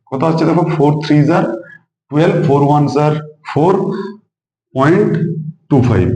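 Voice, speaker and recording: A man's voice: medium pitch, darkish tone, echoey room, a little hiss or hum, low-quality recording. A man teaching physics at a whiteboard, explaining step by step, repeating numbers and asking his students questions. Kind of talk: whiteboard lesson. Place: room with a student nearby.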